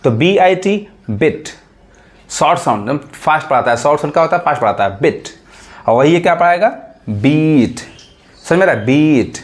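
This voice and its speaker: A man teaching a lesson, asking questions and answering them himself and spelling out letters slowly. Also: on the high side, expressive. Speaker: English teacher. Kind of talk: classroom-style lesson explanation.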